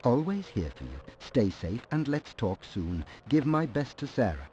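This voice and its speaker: A man's voice: mid-range voice, very animated, unhurried, mellow. A man playing a supportive, concerned friend on a phone call in a scripted drama, casual and reassuring. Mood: encouraging, caring. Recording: muffled, noisy phone-call sound.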